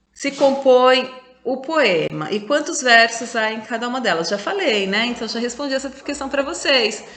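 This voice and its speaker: Woman teacher, slow patient explaining, roomy echo. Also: fairly high pitch, a bit bright. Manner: patient, explains step by step, counts syllables aloud. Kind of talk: recorded online class. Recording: echoey room.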